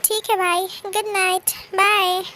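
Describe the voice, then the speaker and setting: A woman's voice: very high-pitched, level tone, takes it slowly, pushed and bright, a little hiss or hum, full character voice. A woman voicing a timid, easily frightened young woman who pleads and mutters to herself in a fan-made drama dub. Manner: anxious, pleading, talking to herself.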